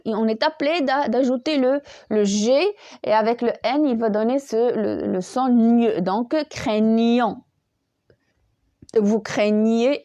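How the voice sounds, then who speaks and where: A woman's voice: on the high side, warm tone. A woman teaching a French grammar lesson, patiently spelling out verb endings letter by letter and often repeating herself. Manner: repeats words and restarts often.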